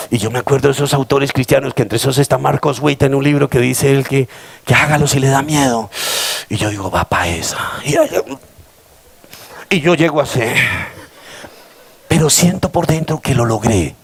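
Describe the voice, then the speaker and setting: A man's voice: mid-range voice, moderate pace, creaky, long pauses. A Colombian man in his fifties, a pastor preaching a sermon to his congregation, with dramatic preaching and calls to the church. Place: church service before a congregation.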